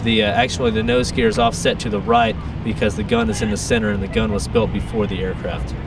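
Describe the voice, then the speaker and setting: Hesitant man talking over loud outdoor noise. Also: lowish voice, flat delivery, fast talker, far from the mic. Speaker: military aircraft ground crew member. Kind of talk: informal explanatory interview talk.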